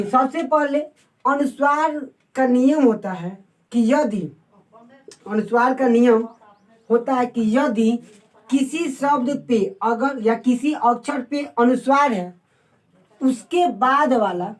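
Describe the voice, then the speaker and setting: Woman, somewhat high-pitched, casual online teacher, repeats words slowly, quizzes the viewers. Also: rough recording. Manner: asks the viewers questions. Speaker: Hindi teacher.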